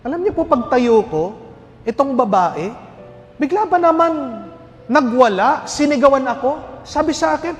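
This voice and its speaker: A priest with a Filipino accent preaching at a recollection, telling a humorous story full of rhetorical questions. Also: male voice, very high-pitched, big pitch swings, unhurried. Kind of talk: sermon at a recollection. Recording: hall reverb with faint music.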